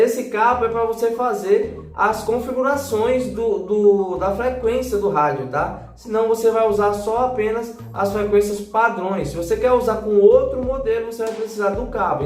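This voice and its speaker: With a high, slightly mellow voice and a roomy sound, this Brazilian gadget reviewer and channel host talks at a normal speed with hardly any pauses. He narrates a casual tutorial, speaking straight to viewers and tagging on frequent check-ins.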